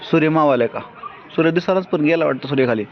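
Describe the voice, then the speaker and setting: A woman's voice: sits low, fast, a faint crowd. A woman talking casually with her small children in a home vlog, alternately scolding and coaxing them. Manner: scolding, coaxing, fussing over small kids. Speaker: family vlogger, parent. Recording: dull lo-fi sound with loud outdoor noise.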